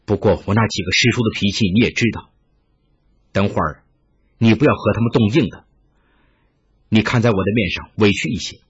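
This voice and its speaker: 一位男子演绎一位温和而坚定的年轻剑客，嗓音沙哑，语气低沉恳切，录音音质发闷。. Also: male voice, brisk, pauses often, slightly rough, highs cut off. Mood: earnest. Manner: low, soft, earnest pleading. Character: earnest young male swordsman, gentle and resolute.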